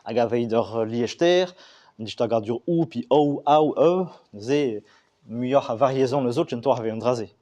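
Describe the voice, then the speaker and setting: A man giving an explanatory talk, speaking haltingly with many fillers and restarts. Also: medium pitch, mellow, lo-fi sound. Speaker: Breton language speaker discussing regional and school Breton.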